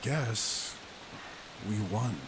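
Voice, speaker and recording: An actor playing an earnest, brooding crocodile detective in a video game. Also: male voice, mid-range voice, extremely slow, slight background noise, rough recording. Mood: sombre.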